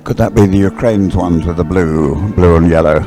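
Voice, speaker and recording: A sports commentator with a low voice calls a race live at normal speed, his tone conversational and searching. Music plays behind the outdoor live broadcast.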